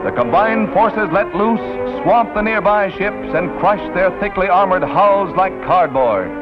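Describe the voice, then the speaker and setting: High-pitched dramatic 1940s newsreel man. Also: unhurried. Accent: American. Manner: dramatic, emphatic announcing. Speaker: newsreel narrator. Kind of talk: 1940s newsreel narration, scripted. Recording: dull lo-fi 1940s newsreel soundtrack. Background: loud music.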